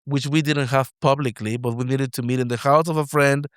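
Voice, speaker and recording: Smooth-voiced Mexican-accented host. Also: male voice, medium pitch, steady tone, fairly quick, no echo, studio quality. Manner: expansive, storytelling questions. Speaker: podcast host. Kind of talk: casual interview.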